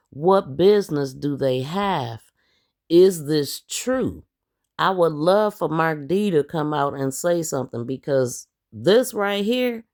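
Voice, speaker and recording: A woman giving casual true-crime commentary for an online channel in a questioning, emphatic way. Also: low voice. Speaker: YouTube commentator.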